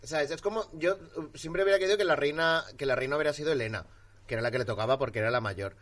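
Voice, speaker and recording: A man's voice: a little high, quick pace, fairly bright tone. A man in playful, casual comedic chat.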